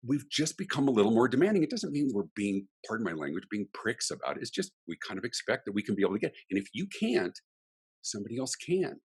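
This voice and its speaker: A middle-aged man speaks as a guest on a podcast, ranting emphatically about how things should be done. His voice sits low and a little husky. His pitch swings widely as he drives each point home. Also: sing-song, quick pace. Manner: emphatic and ranting, with vivid examples. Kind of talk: animated interview talk.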